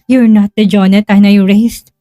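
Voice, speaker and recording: A woman's voice: mid-range voice, fairly even intonation, a little slow, dark tone, no echo, studio quality, close to an everyday voice. A woman voicing a heartbroken, stern middle-aged mother who accuses her son through tears, then turns cold and firm. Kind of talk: dramatic storytelling.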